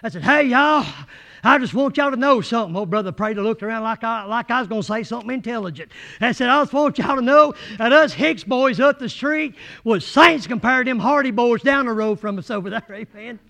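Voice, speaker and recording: High gravelly preacher in his eighties. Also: brisk. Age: 80s. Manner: folksy, rising to shouted fervor. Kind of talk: sermon. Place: church.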